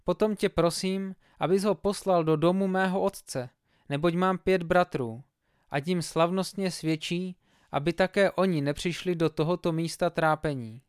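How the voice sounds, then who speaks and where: A rich man in torment pleads desperately, his voice lifted high and loud with strain, put on by a male reader. The recording is dry and close, with a smooth, clear tone. It sounds like a spoken Bible story. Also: fairly even intonation, no room sound, lightly acted. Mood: pleading.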